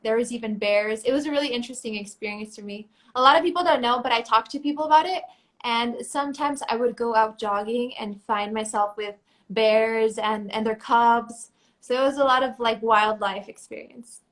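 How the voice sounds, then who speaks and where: Hosting a live stream in English, this pageant titleholder is a young Spanish-speaking woman from Mexico with a friendly, enthusiastic manner. Her pitch runs on the high side, her intonation stays fairly even, and she talks at a moderate pace with a fairly bright tone.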